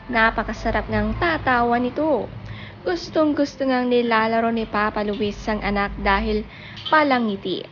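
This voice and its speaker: A woman's voice: on the high side, lo-fi sound, a little hiss or hum. A woman reading a chatty, gushing showbiz gossip narration. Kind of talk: scripted narration.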